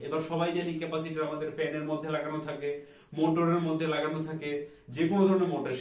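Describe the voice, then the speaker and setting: A man teaching an English vocabulary lesson, reading the example sentences slowly and clearly. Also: on the high side. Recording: echoey room, voice a bit far from the mic.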